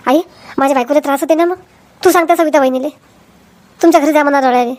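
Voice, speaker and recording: A woman's voice: high-pitched, fast, a little mellow, a little hiss or hum, lightly acted. A woman voicing an earnest young husband with a Varhadi accent. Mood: urgent. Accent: Varhadi Marathi. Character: young married man, worried for his wife. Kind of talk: Marathi cartoon voice acting.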